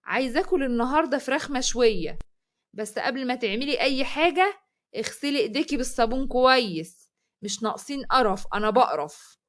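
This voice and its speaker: A spoiled sister-in-law orders her around with open disgust in an Egyptian accent, as a woman storyteller puts her on. The voice is high, fast and commanding. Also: expressive, fairly bright tone. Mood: contemptuous. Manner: contemptuous, commanding.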